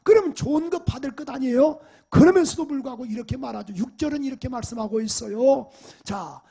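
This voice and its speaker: A man preaching in a church in a high voice with a gravelly, rough edge. He asks the congregation question after question and drives his points home with emphasis. His tone stays husky and a little breathy throughout. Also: fairly quick, mellow. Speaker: pastor. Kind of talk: sermon. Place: church sanctuary.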